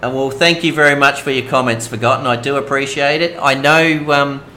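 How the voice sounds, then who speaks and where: Brief: Aussie male streamer, talkative with lots of fillers, mid pitch, noisy mic audio. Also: steady tone, brisk, bright, forceful tone. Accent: Australian. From Australia. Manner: chatty, rambling, many fillers. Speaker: game streamer. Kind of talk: casual let's-play commentary.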